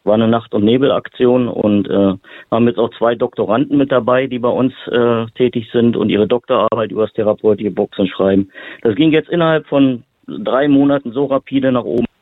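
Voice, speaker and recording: Interviewed as a guest, this Berlin man, who works as a boxing therapist and lecturer, explains casually in rambling sentences thick with fillers. He talks a little fast in a mid-range voice, with no room sound but a tinny phone-line quality.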